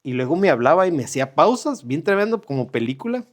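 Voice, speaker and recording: A man, sharing a personal testimony in earnest, unhurried conversational storytelling. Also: fairly high pitch, sing-song. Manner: earnest, unhurried, with pauses and reenacted dialogue.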